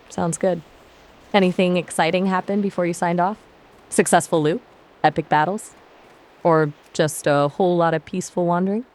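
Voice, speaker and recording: A synthetic woman's voice chats as an AI gaming companion. She is upbeat and polite, with a slightly low pitch. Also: a little mellow. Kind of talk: casual chat.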